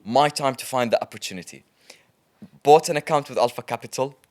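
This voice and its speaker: A man, a trader guest, telling stories in a casual interview in a chatty, lively way, with frequent ums. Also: medium pitch, fairly quick.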